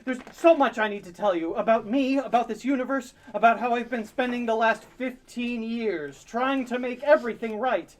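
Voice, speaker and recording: A woman's voice: a little high, normal speed, few pauses, lightly acted. A woman playing a doting, dorky single dad, earnest and sentimental, in an improvised comedy audio drama. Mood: earnest urging. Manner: earnest, sentimental pep talks.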